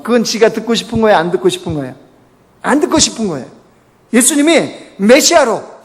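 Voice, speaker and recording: A man with a fairly high voice preaches a sermon from the pulpit. He keeps asking the congregation questions and answering them himself. His voice rings with a long reverb through the church sanctuary. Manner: asks the congregation rhetorical questions. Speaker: pastor.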